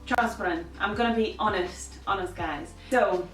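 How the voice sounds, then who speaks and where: Speaking at normal speed in a mid-range voice, a Hungarian-accented woman in her thirties from Hungary shares her personal life story on camera as a vlogger. She's candid, using lots of fillers and restarts. The audio sounds roomy, with a far-off mic and faint background music.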